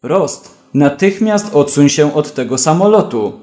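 A man's voice: on the high side, animated, measured pace, mellow, reverberant. A man voicing a stern male police officer who gives commanding orders in a storybook reading.

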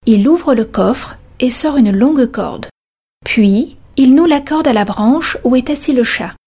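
Breathy woman reading a story slowly. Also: high-pitched, mellow. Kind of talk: scripted story narration.

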